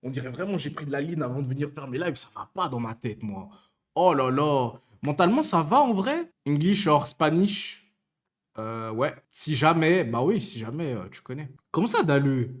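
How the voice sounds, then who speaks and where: A man's voice: a little high, expressive, moderate pace. A young man from Switzerland chatting casually on a live stream, teasing his viewers and stammering through restarts.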